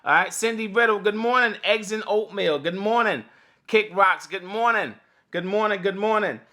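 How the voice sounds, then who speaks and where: A man's voice: high voice, moderate pace, bright, forceful tone. A man hosting a casual morning livestream, greeting viewers by name and laughing often, his voice a little cracked. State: slightly cracked voice. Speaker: host of a morning livestream for delivery drivers.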